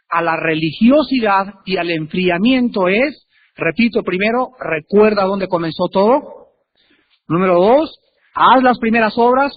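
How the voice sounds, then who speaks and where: Emphatic high-voiced male preacher, tinny recording. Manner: emphatic, with sudden swings in pitch and loudness. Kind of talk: sermon. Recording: tinny phone-like recording with faint hiss.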